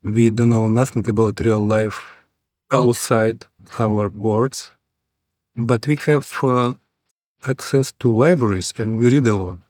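Low-voiced Ukrainian-accented man. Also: fairly even intonation, darkish tone, no echo. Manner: deliberate, plain, occasional fillers. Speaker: interviewee. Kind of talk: interview storytelling.

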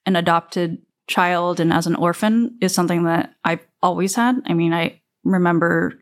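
A woman's voice: lowish voice, fairly even intonation, normal speed. A woman in her forties candidly telling her own life story in a reflective, conversational way with casual fillers. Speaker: interviewee. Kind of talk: personal storytelling.

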